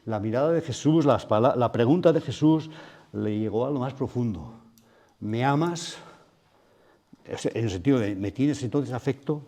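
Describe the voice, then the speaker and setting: A man with a mellow, warm voice preaches a sermon at a men's retreat. He speaks in a reflective way and keeps turning to the room with questions. His pitch sits in a mid range for a man. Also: moderate pace. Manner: reflective, asks the audience questions.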